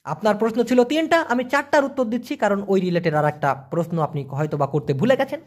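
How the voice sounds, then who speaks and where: A man giving an online language lesson, answering viewer questions and slowly repeating foreign words for pronunciation. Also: sits high, lively intonation. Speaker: language teacher.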